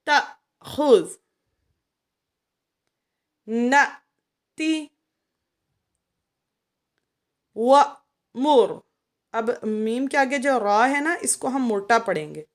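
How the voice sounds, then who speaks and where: A woman teaching a recorded Quran lesson to children, patiently explaining and stretching syllables out slowly. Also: a little high. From Pakistan.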